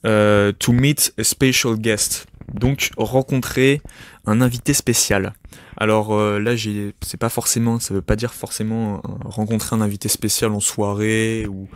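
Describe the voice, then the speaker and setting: Low-voiced man teaching casually. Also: flat delivery, measured pace. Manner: informal, many hesitations and repeated words. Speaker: English teacher, podcast host. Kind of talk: casual spoken lesson. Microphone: podcast microphone.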